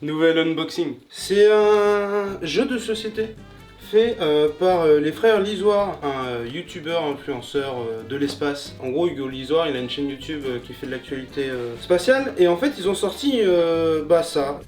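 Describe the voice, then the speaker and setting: Brief: hesitant co-host man, slightly high voice, off-mic, faint music under. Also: animated, normal speed, a little mellow, far from the mic. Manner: hesitant, full of fillers. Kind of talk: casual chat.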